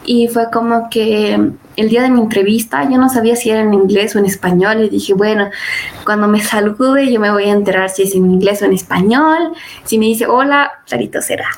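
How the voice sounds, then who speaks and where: She's a young adult podcast guest whose first language is Spanish, speaking at a medium pitch and a fairly quick pace. In a casual interview, she retells events with plenty of fillers and quoted asides.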